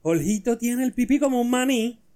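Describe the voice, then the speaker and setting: A man putting on the voice of a little boy pleading with his father in a joke, high and whiny. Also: expressive, moderate pace, mellow.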